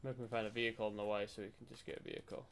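A man's voice: lowish voice, very fast, a little hiss or hum. A man chatting casually and teasing his partner while playing a video game. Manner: bantering, teasing, swears when excited. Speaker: gaming channel host. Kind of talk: casual gameplay chat.

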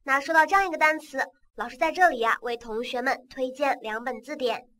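A woman English teacher giving a vocabulary lesson, patiently repeating words and spelling them out slowly in a coaxing classroom tone. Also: high-pitched, bright, forceful tone.

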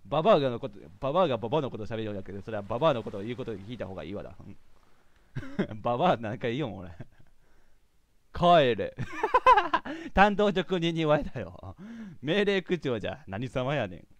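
Lively male game streamer. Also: medium pitch, racing, no echo. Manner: chatty, jokey, reacts out loud to himself. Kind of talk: casual game commentary.

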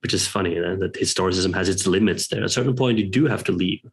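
A Norwegian man with a low voice, a professor appearing as a guest, speaks hesitantly in a reflective interview. He's thoughtful, pausing and restarting a lot, and talks through headphones on a video call from a home room with bookshelves.

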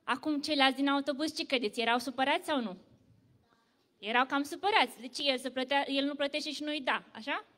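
A woman telling a story to children at church, lively and full of questions for the kids. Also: sits high, long reverb tail. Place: church hall.

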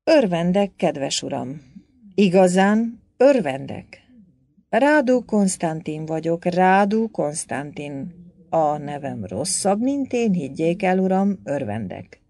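A sly, fawning little bearded village priest, as a woman puts him on in an audiobook. He croons and coos, and his pitch swoops in lively leaps. The voice is gravelly and husky. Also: dry recording. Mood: playful. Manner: cooing, crooning, wheedling. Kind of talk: audiobook character voice.

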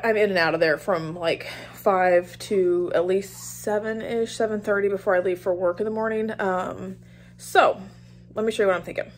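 A woman in her thirties with a lowish voice chats casually into her phone camera, held at arm's length, in a small apartment for a clean-with-me vlog. She rambles with many ums and likes, laughs easily, and a little hiss or hum is audible.

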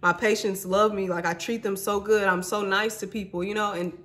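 A Mississippi woman in her twenties talks to her followers in a personal vlog, candid and emotional, calling them y'all and honey as she shares her story. Her mid-range voice is fairly bright, with fairly even intonation and a slightly quick pace.

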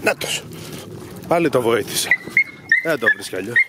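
A man's voice: medium pitch, animated. Male dog trainer, noisy outdoor field. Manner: explaining methodically, calling to dogs in the field. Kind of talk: instructive commentary over training footage.

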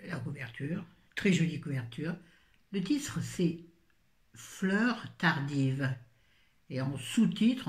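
A woman's voice: low-pitched, dark tone, roomy sound. An older woman reviewing books in a casual, rambling chat full of self-mocking asides. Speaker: book vlogger.

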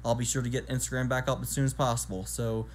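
A man's voice: medium pitch, little pitch movement, quick pace, a little hiss or hum. A young man in his twenties talking casually to his phone camera at home, rambling with many ums and restarts. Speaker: vlogger. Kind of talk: casual vlog talk to camera. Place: indoors, small room at home. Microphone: phone camera at arm's length.

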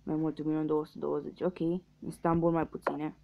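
A man's voice: fairly high pitch, level tone, gravelly. A young man from Romania giving casual let's-play commentary, muttering guesses and swearing at losses. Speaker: gaming youtuber. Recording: dull lo-fi mic with faint hiss.

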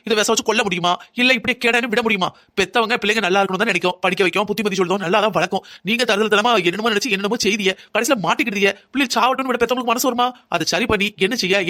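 A woman's voice: medium pitch, bright, forceful tone, close to an everyday voice. A woman voicing an anxious older mother-in-law in a cartoon drama, pleading, lamenting and scolding by turns.

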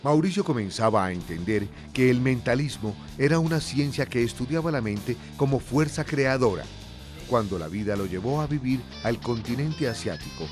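A man reading a scripted documentary narration in a measured, lofty storytelling manner. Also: medium pitch, animated. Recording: voice-over with loud music behind. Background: music.

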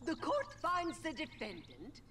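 Video game tyrant queen: pompous, short-fused, high and hugely dramatic in pitch swings, noisy game audio. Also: huge pitch swings, unhurried, sharp tone, far from the mic, heavily acted. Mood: imperious. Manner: pompous, commanding, theatrical. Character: imperious, hot-tempered middle-aged queen, tyrannical bully. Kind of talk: animated video game acting.

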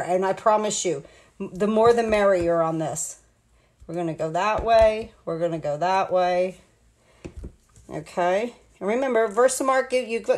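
Her mid-range voice is a little mellow. She's a US woman in her sixties doing a live card-making demonstration indoors at her home craft table, chatting, rambling, and narrating each step.

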